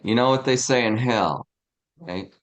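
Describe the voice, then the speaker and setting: A man teaching a casual spiritual study class, relaxed and chuckling often, checking in with his listeners as he goes. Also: medium pitch, a little slow. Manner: relaxed, chuckling, frequent "right?". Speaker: teacher of a tarot study group.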